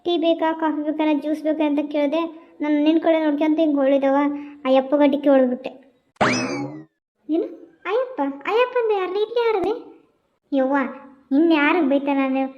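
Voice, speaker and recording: A woman's voice: high-pitched, lightly acted. Woman doing a talkative cartoon office girl, north karnataka accent, dull lo-fi sound. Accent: North Karnataka Kannada. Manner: rapid gossipy chatter, panicky apologies. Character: chatty young office woman Radha, talks too much.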